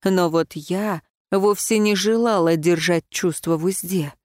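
A woman reading first-person fiction aloud in an expressive, emotional way. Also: on the low side, measured pace, dry recording, clean studio sound. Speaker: audiobook narrator.

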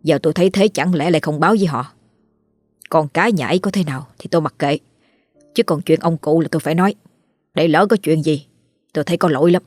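A frightened middle-aged husband from a country village, stammering, voiced by a woman. The voice sits low and steady, with soft music under the storybook reading. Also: fast talker, long pauses, no room sound. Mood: earnest. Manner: stammers when scared.

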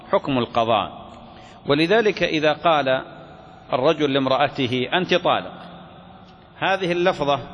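A man explaining a classical religious text step by step, asking questions and answering them himself. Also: on the high side. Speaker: sheikh teaching a fiqh text. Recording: dull recording in a reverberant hall with faint noise.

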